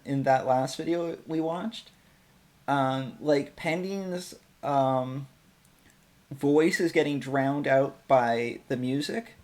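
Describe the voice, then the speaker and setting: Rambling man explaining his VTuber skits. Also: mid-range voice. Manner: rambling, stop-start explaining. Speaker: VTuber creator and host. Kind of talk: casual group chat.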